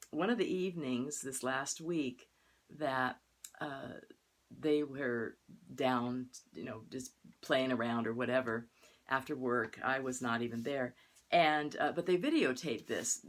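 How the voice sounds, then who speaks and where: Low-voiced older woman minister telling stories. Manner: chatty storytelling, lively quoted voices. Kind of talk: sermon.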